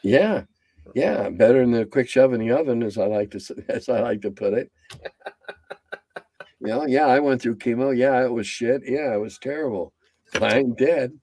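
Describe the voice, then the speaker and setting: A game designer in his seventies talks at a normal speed as an interview guest, blunt and rambling, his voice sinking low and quiet as he winds down. It's casual chat, recorded with no room sound.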